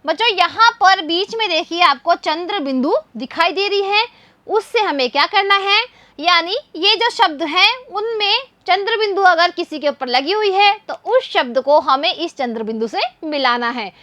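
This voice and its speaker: High bright-voiced woman teaching slowly. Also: lively intonation, dry recording. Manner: patient, spells out each letter and sound. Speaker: primary school teacher. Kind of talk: slow phonics lesson for young children.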